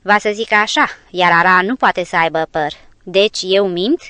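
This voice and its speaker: A sly, threatening male smuggler from an audiobook, as a woman reader puts him on. He speaks slowly, his words sweet and poisonous through clenched teeth. The voice stays smooth and clear, in a dry, close sound. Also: fairly low pitch, pushed and bright, dry recording. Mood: menacing. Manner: slow, honeyed speech through gritted teeth.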